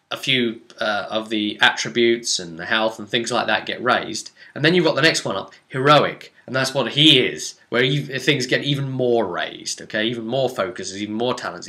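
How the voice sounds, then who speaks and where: A man's bright, forceful voice of medium pitch carries this storytelling account of a tabletop fantasy game he ran. Acting as game master, he adds rhetorical asides directed at the audience.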